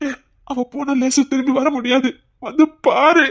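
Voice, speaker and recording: A family elder calmly consoles and gently scolds a crying relative, played by a woman in a comic skit. She speaks with a Tirunelveli Tamil accent in a fairly high voice. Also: a little slow. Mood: consoling.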